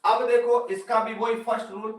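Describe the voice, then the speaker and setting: High-voiced male teacher in an echoey room. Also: flat delivery, moderate pace, recorded from a distance. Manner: asks questions and answers them himself, repeating each point. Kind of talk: live online grammar class.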